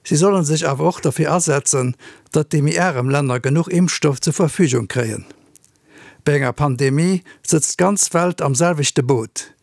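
A man's voice: a little high, creaky, dry recording, clean studio sound. Earnest man. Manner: earnest, measured, with non-native word order. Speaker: biologist giving an opinion. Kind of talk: read-out personal statement.

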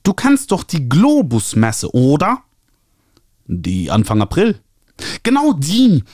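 Ein Mann mit luxemburgischem Akzent spricht einen übereifrigen, näselnden Verleger mit hoher, gedehnter Stimme. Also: male voice, a little high, wildly swooping pitch, darkish tone, no echo, studio quality, voice pushed up, full character voice. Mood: gushing. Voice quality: nasal. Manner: gushing, fussy, drawn-out. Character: overeager nasal male book publisher.

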